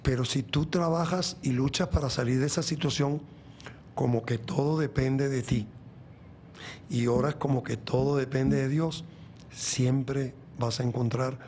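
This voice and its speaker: This Venezuelan interview guest, in his sixties, talks earnestly and reflectively about faith, rambling and restarting frequently. His mid-range voice is a little mellow, and there is slight background noise.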